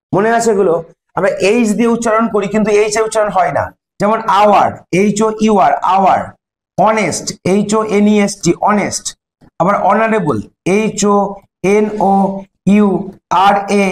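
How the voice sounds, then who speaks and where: High-voiced man teaching an English lesson. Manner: explains step by step, asks questions and answers them himself; reads English sentences slowly, then translates. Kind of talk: classroom lesson in Bengali.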